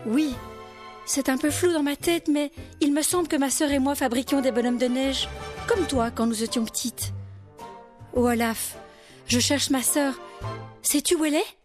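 A spirited young princess, voiced by a woman, with a high, bright voice, earnest and insistent. A soft music bed plays under her in this storybook audio. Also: normal speed, long pauses, natural voice. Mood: friendly.

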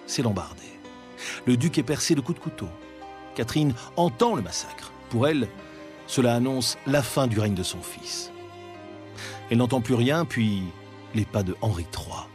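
A man giving scripted documentary narration in a measured, dramatic storytelling manner with pauses. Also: mid-range voice, lively intonation, a little mellow. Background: faint background music.

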